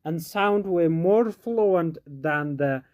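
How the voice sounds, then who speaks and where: Guy teaching english phrases, talks real slow, kinda high voice, repeats every example. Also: a little mellow. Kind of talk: scripted language lesson narration.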